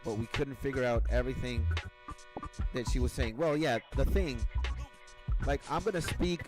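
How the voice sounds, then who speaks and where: A man's voice: mid-range voice, normal speed. Venezuelan-accented young man, casual streamer. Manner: rambling, loose, slangy. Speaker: game streamer. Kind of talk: casual chat while gaming. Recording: game music playing behind. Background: clear background music.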